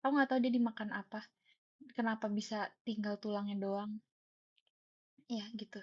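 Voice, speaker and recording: A young woman casually telling a story to her livestream viewers, animated, acting out the dialogue and jumping to high squeals when excited. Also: fairly quick. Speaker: idol livestream host. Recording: slightly dull lo-fi stream audio.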